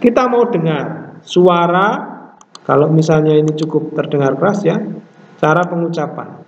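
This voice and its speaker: A man teaching a classroom language lesson, explaining step by step and repeating words slowly to model pronunciation. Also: a little high. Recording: echoey room, distant mic, dull lo-fi sound.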